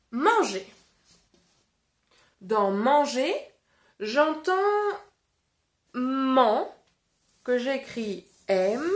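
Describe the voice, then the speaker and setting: A woman reading a storybook aloud to children and leading a phonics lesson, slow and clearly articulated. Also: on the high side. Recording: roomy echo.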